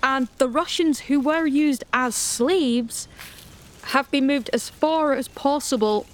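In a naturalistic audio drama, an actress plays an outspoken teenage great-granddaughter, speaking slowly in a high-pitched female voice. Her tone is indignant, and her speech is casual, blunt and full of questions.

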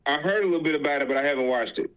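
A man co-hosting a casual sports debate podcast, quick and argumentative as he lays out his view. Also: a little high, a bit bright, smooth, muffled recording. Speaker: podcast co-host.

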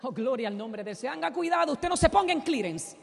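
A woman preacher delivering an impassioned sermon, moving between soft storytelling and loud exhortation. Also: high-pitched, expressive, brisk, vocal fry, some chatter behind, a little hiss or hum. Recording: long hall reverb.

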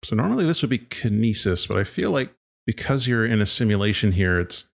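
A man running a tabletop role-playing game as game master, narrating in a halting way with many fillers. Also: on the low side, big pitch swings, vocal fry. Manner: halting, with frequent fillers and laughs.

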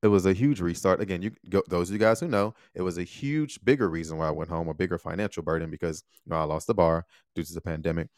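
Low-voiced man hosting a solo podcast. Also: fast talker, few pauses, dry recording, clean studio sound. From United States. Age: young adult. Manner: animated, talks straight to listeners with rhetorical questions. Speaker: podcast host. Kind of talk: casual solo podcast monologue.

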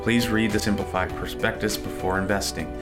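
A man's voice: fairly low pitch, steady tone, fairly quick, over loud music. A Canadian man, a podcast host, reading a scripted legal disclaimer straight through in a formal way. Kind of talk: scripted sign-off and disclaimer read.

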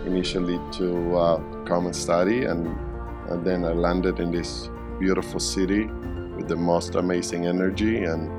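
A middle-aged man from Venezuela answering interview questions in a halting way, often repeating words while he searches for them. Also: low voice. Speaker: real estate developer, guest.

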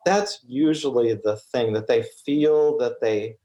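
A man's voice: mid-range voice, measured pace, mellow. A man, a real estate agent, speaking as a guest in a casual interview, earnest and often repeating words as he works through his explanation.

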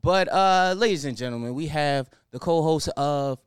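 Young guy hosting his podcast, hyped and cussing, slightly high voice, dry close sound. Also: normal speed, smooth, dry recording. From Baltimore County, Maryland. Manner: excited, loose and profane, with many fillers. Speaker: podcast host. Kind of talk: casual podcast chat.

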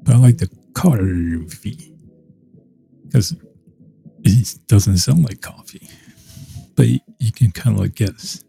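A man's voice: on the low side, a little slow, gravelly, pauses often, dark tone, faint music behind. A man hosting a casual solo podcast, rambling and meandering with many fillers and restarts. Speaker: podcast host.

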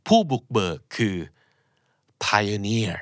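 A man's voice: fairly low pitch, fairly even intonation, no echo, studio quality. A man teaching English vocabulary in a casual lesson, patiently explaining each word and repeating it. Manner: patient, explains words slowly and repeats them.

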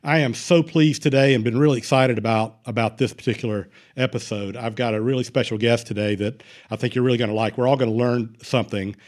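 A man's voice: mid-range voice, fairly even intonation, fast, a little mellow. Hesitant man hosting a podcast. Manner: hesitant, many fillers and restarts. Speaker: podcast host. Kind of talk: casual interview hosting.

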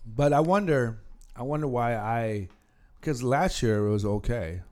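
A man's voice: mid-range voice, expressive, a little slow, a little mellow. An American man hosting an amateur podcast in a casual, conversational style. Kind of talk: casual chat.

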